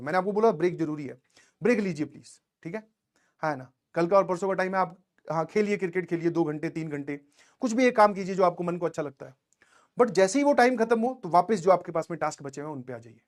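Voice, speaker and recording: High-voiced male teacher, chatty pep talk. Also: fast. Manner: conversational, keeps checking in with listeners; tells personal anecdotes. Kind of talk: motivational talk to students.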